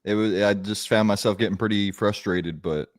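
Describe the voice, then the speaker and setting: A man with a lowish voice delivers deadpan jokes as a podcast co-host. The recording is dry and close. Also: moderate pace, dry recording. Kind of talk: casual podcast banter.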